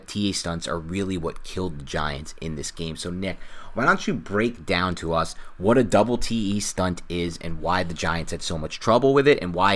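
A man with a low yet fairly bright voice hosts a casual football podcast, rambling in a chatty way full of side comments.

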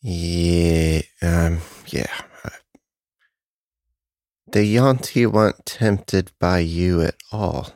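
A man's voice: sits low, slow, hardly any pauses, darkish tone, dry recording, clean studio sound. A man playing a tabletop role-playing game, improvising casually and thinking aloud in a hesitant, deliberating way.

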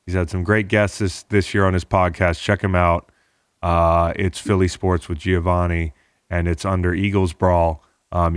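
A man's voice: low voice, clean tone, no room sound, studio quality. A man hosting a podcast, talking casually in a rambling, encouraging way. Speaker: podcast host.

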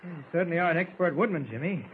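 An actor playing a calm, good-humored reporter in a 1940s radio drama. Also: male voice, fairly high pitch, racing, lightly acted. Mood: teasing. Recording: dull old radio recording, faint hiss.

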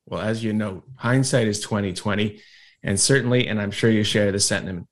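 A man from Toronto hosting a podcast, asking measured interview questions. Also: lowish voice. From Toronto, Canada. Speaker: podcast host.

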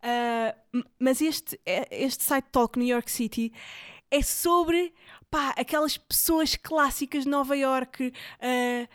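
This podcast host, a woman with a European Portuguese accent, rambles through a casual chat about videos she recommends, sprinkling in fillers and English words. Her high-sitting voice is slow, clear and resonant, captured in clean studio audio with no room sound.

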